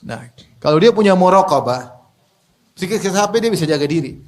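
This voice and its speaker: A man delivers a sermon in a fairly high-pitched voice. He keeps it lively, joking and laughing between points. He often asks his listeners questions and lets them fill in the answer. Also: brisk. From Indonesia. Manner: lively, jokey, with laughs and rhetorical questions to the audience. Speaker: preacher.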